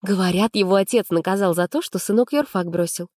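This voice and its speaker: A woman reading an audiobook, voicing an excitable, gossipy young female student who gushes breathlessly. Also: mid-range voice, a little fast, dry recording, clean studio sound, close to an everyday voice. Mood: gushing.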